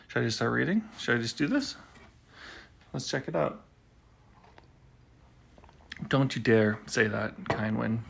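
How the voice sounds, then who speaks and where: A man's voice: medium pitch, creaky, bright, forceful tone. A man hosting his own live poetry stream, chatting and teasing viewers in a rambling way while he waits to start, recorded on a phone indoors at home. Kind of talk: casual chat to live viewers.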